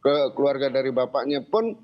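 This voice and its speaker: An older man giving an account in an interview, speaking informally and haltingly with repeated phrases. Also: medium pitch, lively intonation. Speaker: interviewee, grandfather of a missing child. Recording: dull lo-fi sound.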